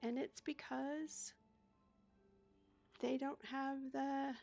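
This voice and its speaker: An older woman narrates her gameplay in an unhurried, chatty way, softly talking herself through each move. Her voice sits a little high and has a gravelly edge, with faint game music playing behind her. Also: fairly even intonation, lo-fi sound. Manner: chatty, soft-spoken, talks herself through each step. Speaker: gaming YouTuber. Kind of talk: casual gameplay commentary.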